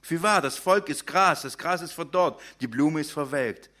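A man preaching a sermon, expounding scripture, asking the congregation questions and drawing out key words slowly for emphasis. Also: a little high, pushed and bright.

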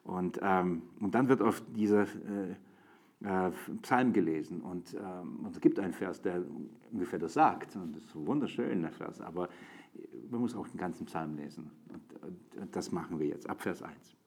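A preacher with a young daughter teaches a group from the Bible in a deep, slightly mellow voice with a breathy edge, at a moderate pace. He talks informally, restarting often and using fillers, then reads verses aloud and stresses them with growing intensity.

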